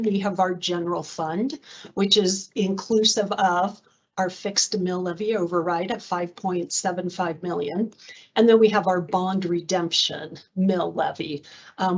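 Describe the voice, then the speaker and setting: A woman giving a formal slide presentation as a finance official to a board on a video conference. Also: lowish voice. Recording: dull video-call audio.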